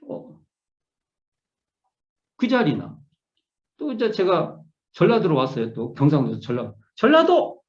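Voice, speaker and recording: Middle-aged guy teaching scripture, high voice, repeats words, echoey muffled room. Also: big pitch swings, measured pace, long pauses, a little mellow. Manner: repeats key words, hesitant restarts, musing explanations. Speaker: Won Buddhist minister teaching scripture. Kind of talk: online scripture lecture. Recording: echoey room, dull lo-fi sound.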